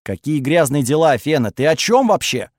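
A patient young hero speaks in a steady, coaxing voice that sits a little high, as a male audiobook reader plays him. The recording is dry and close. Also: a little fast, dry recording. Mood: coaxing, calm. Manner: calm and coaxing. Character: calm, patient young man, the story's hero.

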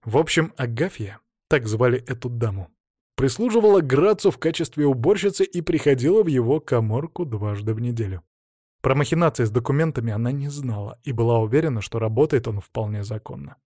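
A man reading a first-person story aloud with a wry, expressive delivery. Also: mid-range voice, brisk, dry recording, clean studio sound. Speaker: audiobook reader. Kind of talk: scripted first-person narration.

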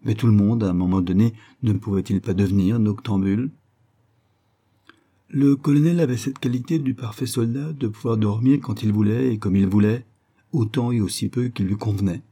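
A man narrating a classic novel as an audiobook, in a measured storytelling way. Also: fairly low pitch, mellow.

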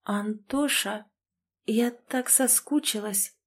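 Woman voicing a pleading young heroine, high and breathy, storybook reading. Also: steady tone, moderate pace, warm tone. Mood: soft.

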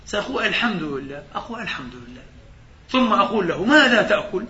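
A fretful deaf old man, as a lecturer acts him out, pleading in a raised, bright, tense voice. He talks quickly and anxiously. The sound is roomy and a little dull. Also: high voice, very animated, pitched above the performer's own voice, full character voice. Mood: rehearsing. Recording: roomy, slightly dull hall recording.

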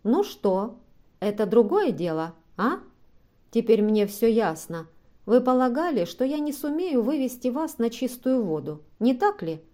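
A woman's voice: on the high side, very animated, a little slow, mellow. A woman reading an audiobook and voicing a stubborn, distrustful man who scornfully accuses a woman of lying. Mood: decisive.

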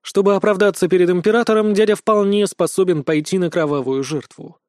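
A man reads the narration of an audiobook with steady, dramatic storytelling. His voice is slightly high and mellow, recorded close in a dry, dead space. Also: fairly quick, dry recording. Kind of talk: scripted narration.

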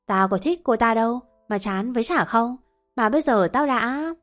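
A woman's voice: fairly high pitch, animated, normal speed, soft background music, lightly acted. Grumpy young husband, short snappy lines, read by a woman. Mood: curt. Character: curt, irritable young husband, a boss.

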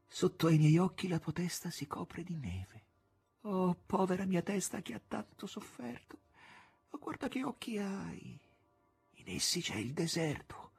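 A man reading aloud voices a passionate young woman in a high, breathy voice, tender and pleading at times, gushing with joy at others. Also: expressive, unhurried, pauses often, warm tone, faint music behind, full character voice. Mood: tender, tearful.

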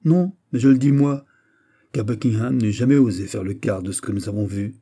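A man's voice: on the low side, dark tone. A man reading aloud, voicing a jealous, petulant royal prince who turns bitter and angry. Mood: furious. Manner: bitter, quick to anger, whining.

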